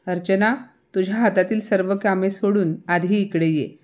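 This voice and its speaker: A woman's voice: medium pitch, normal speed, darkish tone, lightly acted. A woman voicing a proud older mother-in-law who scolds sharply in a family story. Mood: scolding.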